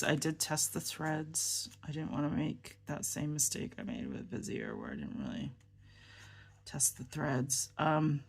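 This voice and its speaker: Tired, subdued woman with a low, creaky voice. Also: fairly bright tone. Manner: rambling, hesitant, with many ums and restarts. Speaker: fountain pen vlogger. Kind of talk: casual show-and-tell chat.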